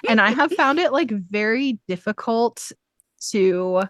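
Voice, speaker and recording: A woman's voice: fairly high pitch, measured pace, no room sound, studio quality. A woman hosting a podcast, chatting in a casual interview with frequent laughs. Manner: animated, laughing often. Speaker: podcast host.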